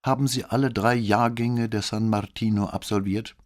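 A man voicing a calm, probing male police commissioner in an audiobook. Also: fairly low pitch, pitched above the performer's own voice, lightly acted. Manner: calm, measured questioning.

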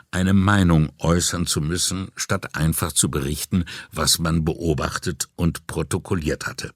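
A man with a deep, low voice reads an audiobook crime story in a measured, calm way. The recording is dry and close, made in a studio booth. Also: dry recording. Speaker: audiobook narrator. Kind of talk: scripted narration.

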